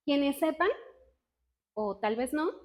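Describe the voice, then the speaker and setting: A woman with a high voice leads a casual Bible teaching for a women's group. She talks in a chatty, self-mocking way and keeps asking her listeners questions. When she reads scripture she slows down and weighs each word. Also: animated. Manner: reads scripture slowly and deliberately. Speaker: women's ministry speaker.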